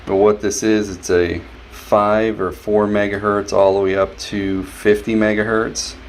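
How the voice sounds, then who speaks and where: A DIY repair vlogger narrates his hands-on fixes in a wry, joking, casual way. His voice is lowish with a flat delivery and a measured pace, and background noise is clearly audible.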